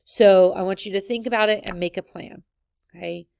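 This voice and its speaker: A woman's voice: mid-range voice, steady tone, normal speed, gravelly, a little mellow, clean tone, dry recording, studio quality. A woman teaching a college course, talking through the week's assignments in a casual, friendly way with plenty of ums. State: has the hiccups. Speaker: college instructor. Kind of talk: recorded course walkthrough.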